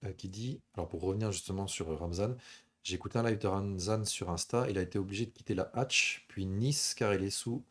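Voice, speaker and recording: A man's voice: sits low, brisk, fairly bright tone. A man with a radio-presenter voice that is easy to listen to, telling stories casually as host of a live stream. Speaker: host of a combat sports stream.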